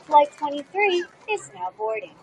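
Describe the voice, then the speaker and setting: High-voiced woman making flight announcements over the loudspeaker. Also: moderate pace, heavy background noise. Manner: crisp, formal cabin-announcement tone. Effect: over the stadium loudspeaker. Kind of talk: airline-style boarding announcement. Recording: distant loudspeaker under loud band music. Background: marching band playing.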